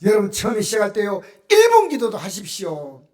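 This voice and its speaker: Middle-aged Gyeongsang-accented pastor, high voice, very lively sermon delivery with bursts of shouting and sudden hushes. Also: male voice, brisk. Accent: Gyeongsang Korean. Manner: animated, shifts from loud cries to near-whispers. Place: church sanctuary.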